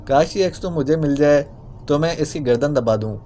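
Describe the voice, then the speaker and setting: A man's voice: fairly high pitch, warm tone, slight background noise, lightly acted. A man voicing an exasperated, hot-tempered young woman agent who scolds sharply.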